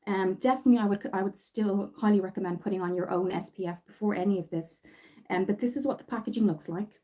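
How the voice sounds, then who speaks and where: Irish woman, casual home makeup livestream, warm, rambling, chatty. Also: mid-range voice, quick pace, rough recording. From Ireland. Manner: chatty, rambling, many fillers and restarts. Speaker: makeup vlogger. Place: bedroom at home.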